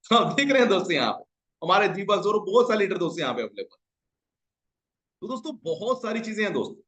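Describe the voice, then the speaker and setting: High-voiced, hyped male sales pitcher. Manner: hyped, salesy, repeatedly addressing friends. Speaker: online business promoter. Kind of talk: screen-share promotional pitch.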